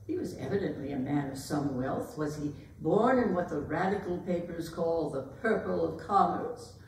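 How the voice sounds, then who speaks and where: A woman's voice: low-pitched, animated, moderate pace, a little mellow, a little hiss or hum. A woman playing a haughty, imperious older aristocratic lady in a staged period comedy reading, pompous and emphatically disapproving. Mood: incredulous. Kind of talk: theatrical readers' theatre performance of a period comedy. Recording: echoey hall, distant microphone.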